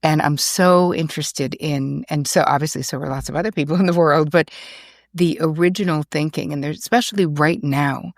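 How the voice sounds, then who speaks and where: This is a woman hosting an interview show, and she talks in an effusive, gushing way with plenty of fillers. Her voice sits low for a woman. The sound is close and dry. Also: a little fast, dry recording. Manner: gushing, animated, with laughs and fillers. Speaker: podcast host.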